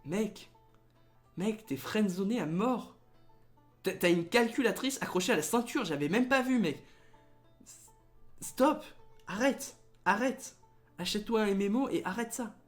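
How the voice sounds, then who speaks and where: A young man with a slightly high voice, playing through a dating game in casual commentary. He reads the on-screen text aloud and breaks in with sarcastic, mocking jokes. Light game music sits faintly underneath. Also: lively intonation, measured pace, pauses often. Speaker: let's play host.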